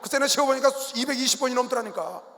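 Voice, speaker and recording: High-voiced pastor shouting in a hall. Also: male voice, racing. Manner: preaching with sudden shouts and quiet asides. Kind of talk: sermon. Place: large sports arena. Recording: long hall reverb from arena.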